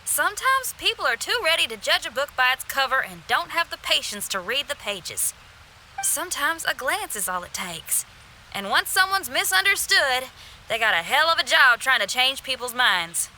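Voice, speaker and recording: Bright, folksy young rocker girl Xinyan. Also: high voice, big pitch swings, moderate pace, a little hiss or hum, exaggerated voice, low-quality recording. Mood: earnest, folksy. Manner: folksy, spirited. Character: spirited young woman rock musician, loyal and fiery. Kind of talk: animated video game voice acting.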